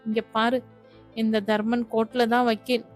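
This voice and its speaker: A woman voicing a devoted lawyer husband who pleads with his wife, in a flat storybook reading. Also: on the high side, normal speed, faint music behind, lightly acted. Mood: earnest. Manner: earnest, placating.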